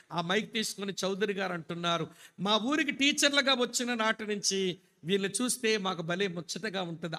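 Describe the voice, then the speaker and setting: A male preacher with a high-pitched voice delivers his sermon, weaving in stories. His tone is bright and forceful, and he leans on emphatic repetition, calling out to his listeners again and again. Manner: emphatic and repetitive, addressing the congregation directly. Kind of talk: sermon with storytelling.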